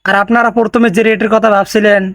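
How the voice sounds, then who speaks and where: A man's voice: high voice, little pitch movement, fast talker, background noise. A man hosting a comedic roast video, teasing and sarcastic in tone. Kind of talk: mocking comedic roast narration.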